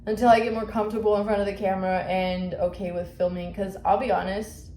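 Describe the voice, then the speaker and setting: Speaking fast in a flat, dark-toned voice of medium pitch, a shop-owner vlogger rambles about her business, full of fillers and corrections of herself. She's upstairs indoors at home, recorded on a phone or camera mic in an echoey room with faint noise behind her.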